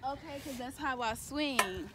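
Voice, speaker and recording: A woman's voice: high voice, a little slow, a bit bright. A young woman at an outdoor park, teasing and contradicting her sister. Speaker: vlogger's sister. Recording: noisy outdoor phone audio.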